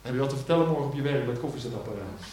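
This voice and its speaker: A male preacher delivering a sermon, rising loud on key words and dropping to hushed low phrases. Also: animated, very fast. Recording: echoey church hall.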